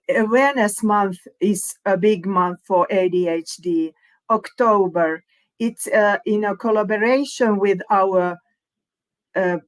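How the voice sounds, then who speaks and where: Finnish woman, webinar moderator, slow and halting delivery, mid-pitched voice, video-call audio. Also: poor audio. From Finland. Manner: hesitant, many fillers, non-native phrasing. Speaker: panel moderator. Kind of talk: online panel webinar.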